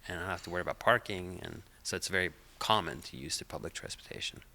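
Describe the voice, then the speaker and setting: Finnish guy, deep gravelly voice, laid back and hesitant, bit of background hiss. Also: fast talker. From Finland. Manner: relaxed, hesitant, with many fillers. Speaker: podcast guest. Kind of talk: casual interview chat.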